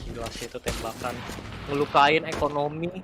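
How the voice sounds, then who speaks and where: An esports caster with an Indonesian accent gives excited play-by-play like a fighting game announcer, slangy and sprinkled with English gaming terms. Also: mid-range voice, normal speed. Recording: game gunfire and clicks behind voice. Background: gunfire and clicks from game.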